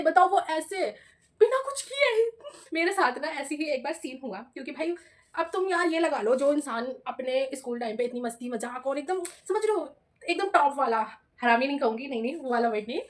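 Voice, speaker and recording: A young adult woman vlogger telling a personal story in a chatty, animated way, often calling her viewers "bhai". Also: high-pitched. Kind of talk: casual storytelling vlog.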